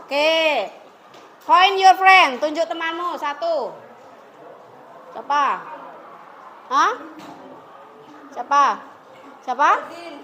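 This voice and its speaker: Woman teacher, high and bright, slow and coaxing with her class. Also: a little hiss or hum. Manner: coaxing, prompting students to answer. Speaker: English teacher.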